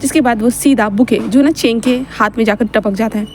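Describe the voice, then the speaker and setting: A woman's voice: fairly high pitch, brisk, faint music behind. A woman narrating fan fiction in a casual, chatty retelling with frequent fillers.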